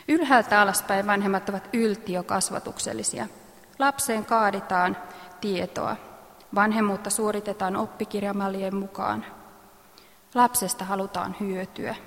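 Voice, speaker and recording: A woman reading parenting advice aloud in a measured, instructive manner, clearing her throat now and then. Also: medium pitch, in a large hall. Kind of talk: read-aloud advice text.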